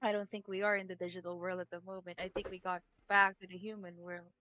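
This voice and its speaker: A woman's voice: on the low side, flat delivery, quick pace, bright, forceful tone, muffled recording. A woman taking part in a tabletop role-play over voice chat, laid-back and amused. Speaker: player.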